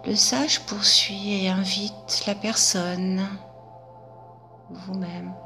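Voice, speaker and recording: Slow half-whispering woman hypnotist. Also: mid-range voice, flat delivery, creaky, faint music behind. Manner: soft, half-whispered, drawn out. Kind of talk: guided hypnosis session.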